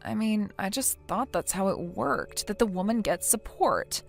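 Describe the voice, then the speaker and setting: A woman's voice: mid-range voice, lively intonation, a little slow, vocal fry, faint music behind. A synthetic woman voicing a whiny, defensive wife. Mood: anxious. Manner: whiny, hesitant. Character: defensive, self-pitying young wife.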